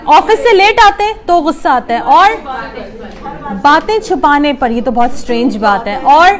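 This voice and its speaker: High-voiced woman giving a workshop. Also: lively intonation, crowd noise. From Pakistan. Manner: explains patiently, mixes English words into Urdu, takes audience questions. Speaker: psychologist leading a workshop. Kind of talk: conversational workshop talk to an audience. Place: club hall with live audience.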